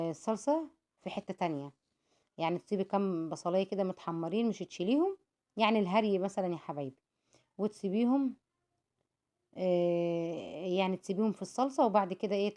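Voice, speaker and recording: A woman with an Egyptian Arabic accent, narrating a home cooking vlog in a chatty way. She explains each step, calls her viewers "my dears" and adds prayers for them. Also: medium pitch. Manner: warm and devout, calls viewers "my dears", prays for them often.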